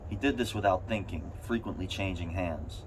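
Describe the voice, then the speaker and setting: A man's voice: deep voice, moderate pace. A man reading a story aloud, with strained bursts of emphasis. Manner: strained bursts of emphasis, as if sitting in an ice bath. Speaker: reader of a short story. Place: in an ice bath. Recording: steady background noise.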